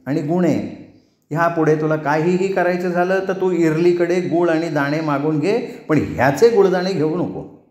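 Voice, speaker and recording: Stern old grandmother voiced by a man, firm scolding, high voice, roomy echo. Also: moderate pace, a little mellow, close to an everyday voice.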